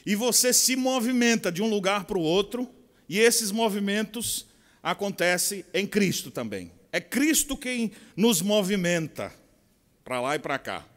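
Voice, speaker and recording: At a conference, a middle-aged Brazilian pastor with a Bahian Portuguese accent delivers a sermon in a voice slightly high for a man. He swings expressively between soft asides and loud, slow, drawn-out emphasis, and the large hall gives the sound a long reverb.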